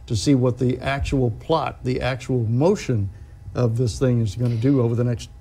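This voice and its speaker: A male TV forecaster with a soft-edged, mellow voice at an average pitch. He talks through weather analysis unscripted, explaining things in a halting way and rephrasing as he goes. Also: fairly even intonation.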